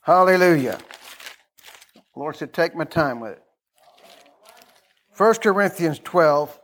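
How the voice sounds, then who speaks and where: A middle-aged American man with a notably high-pitched voice preaches as a pastor. His sermon is informal and folksy, more like conversation than oratory. He repeats phrases and prompts his listeners to respond. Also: lively intonation, slow, a bit bright.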